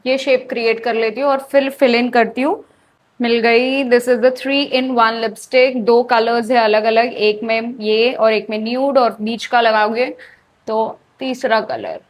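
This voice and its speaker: A woman's voice: on the high side, steady tone, measured pace. A young Indian woman vlogging casually about her makeup and outfit, switching between Hindi and English. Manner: chatty, mixing Hindi and English. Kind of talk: casual beauty vlog narration.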